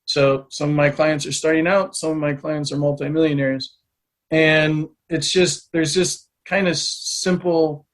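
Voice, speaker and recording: A man in his forties, a business mentor, talking as a guest in an energetic, uneven-paced way. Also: fairly high pitch, unhurried, low-quality recording. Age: 40s. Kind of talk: interview guest, explaining.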